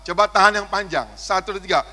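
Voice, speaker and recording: Energetic man preaching in a reverberant hall. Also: sits high, fairly quick. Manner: energetic, shouts cues and jokes with the crowd. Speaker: pastor. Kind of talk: lively sermon leading the congregation. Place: church function hall. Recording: long reverb of a large hall.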